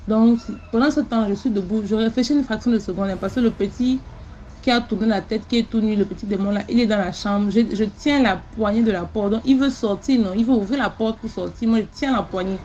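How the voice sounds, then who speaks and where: Fast-talking woman telling a spooky story. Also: a little high, muffled recording, a little hiss or hum. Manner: animated, repetitive, with sound words. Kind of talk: first-person mystical story.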